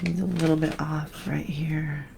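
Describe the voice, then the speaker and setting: Lady doing a live paint demo, slow easygoing talk, answers comments, mumbles when she focuses. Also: sits low, flat delivery, creaky, noisy background. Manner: chatty, answers viewer comments while painting; drifts into soft mutters when concentrating. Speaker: painting tutorial host.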